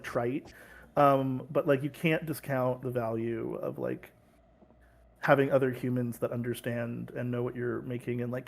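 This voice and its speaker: Over a video call, a Californian man with a creaky, mid-range voice rambles casually through an interview as a game publisher, full of fillers and false starts.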